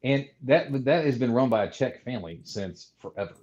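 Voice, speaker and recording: A man's voice: medium pitch, lively intonation, normal speed, a little mellow, muffled recording. A man co-hosting a casual livestream, rambling through stories and reading viewer comments aloud. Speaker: livestream co-host.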